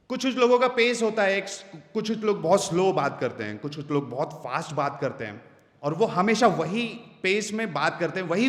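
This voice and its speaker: At a creators' meetup, a man leads a live voice-over workshop in a hall, frequently acting out short sample lines to demonstrate different tones. His delivery is animated, with wide swings in pitch and volume. The hall is echoey, with long reverb.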